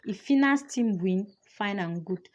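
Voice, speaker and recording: A woman's voice: mid-range voice, animated, a little slow. Chatty young woman commentator. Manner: chatty and opinionated, thinking aloud with fillers. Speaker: reality show commentator. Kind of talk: casual chat.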